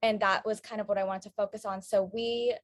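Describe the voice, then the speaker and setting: A woman playwright from Vietnam speaks in a friendly, talkative way, often pausing on fillers. Her voice sits in a middle register. The sound is dry and close, with no room around it. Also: medium pitch, flat delivery, no echo. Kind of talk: interview talk.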